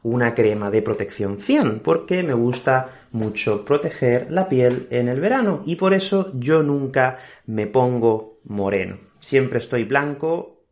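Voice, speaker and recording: A young man from Spain with a Spanish accent, hosting a Spanish lesson podcast, repeating key words slowly and checking in with learners. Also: mid-range voice, animated, darkish tone. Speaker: Spanish teacher, podcast host. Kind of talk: slow, clear teaching podcast for learners.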